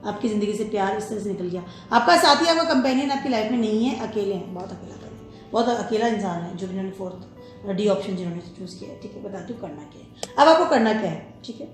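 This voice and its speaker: A woman's voice: mid-range voice, lively intonation, quick pace. A woman giving a pick-a-card tarot reading, switching between Hindi and English and often checking in with the viewer. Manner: mixes Hindi and English, warm advising tone with frequent "okay?" check-ins. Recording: very echoey room with music.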